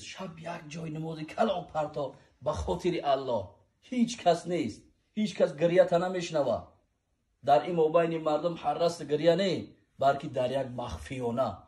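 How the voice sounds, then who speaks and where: A man's voice: a little high, dark tone. A man with a Tajik accent preaching a sermon, reciting verses and Arabic quotes in a rhythmic, swelling delivery.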